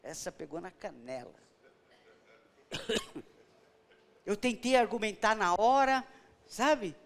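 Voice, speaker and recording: A middle-aged Brazilian man preaching from the pulpit with a strikingly high-pitched voice. He drives his points home emphatically, leaning on rhetorical questions and personal stories. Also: sing-song, slow pace, fairly bright tone. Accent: Brazilian Portuguese. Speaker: pastor. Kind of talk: sermon.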